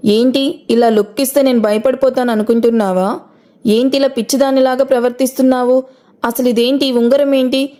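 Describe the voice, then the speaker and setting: A woman voicing a young father who shouts and argues, then pleads, in a storybook reading. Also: high-pitched, steady tone, a little fast, natural voice. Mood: angry. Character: angry insistent young father, demanding man.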